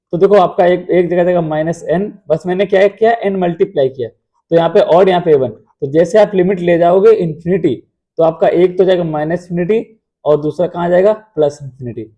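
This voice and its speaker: Mellow Hindi-speaking math teacher. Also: male voice, high voice. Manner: steady explanatory tone with frequent rhetorical questions. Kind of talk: explaining a lecture.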